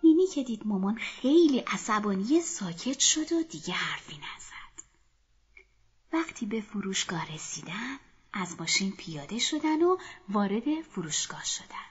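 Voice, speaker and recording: A woman narrating a children's story in a soft, often half-whispered voice, speaking to children, in a dull lo-fi recording. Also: medium pitch, sing-song, breathy edge.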